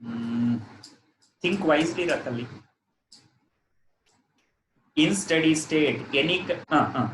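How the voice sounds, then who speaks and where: A man's voice: a little high, normal speed, fairly bright tone. A man with a South Indian accent teaching a live physics lesson, repeating phrases and questioning a student as he works through problems. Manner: repeats phrases, often tags with "okay". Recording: roomy echo, distant mic, noisy background.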